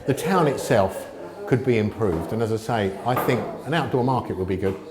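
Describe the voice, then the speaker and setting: Hesitant low-voiced man in echoey crowd. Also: animated, a little fast, noisy background. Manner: hesitant, repeats words. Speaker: local newspaper publisher. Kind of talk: casual interview. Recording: echoey room with crowd behind.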